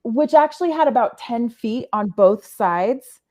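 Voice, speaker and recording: A woman's voice: fairly high pitch, expressive, darkish tone. Earnest woman who rephrases as she goes. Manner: earnest, halting, often stops to rephrase. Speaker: podcast guest. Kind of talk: telling a personal story in conversation.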